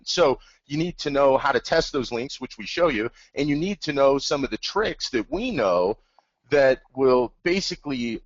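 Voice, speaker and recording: A man's voice: medium pitch, no echo. A man co-hosting a webinar, talking casually and enthusiastically in a rambling, plain-spoken way over an online call. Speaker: webinar co-host. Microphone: computer mic over an online call. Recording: dull, dry online call audio.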